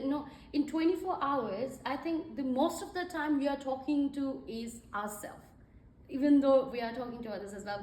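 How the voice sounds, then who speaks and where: A young Nepali woman speaks at an event as a guest, using many fillers in a conversational way. Her voice is a little high and a little mellow, captured from far off in an echoey hall with slight background noise.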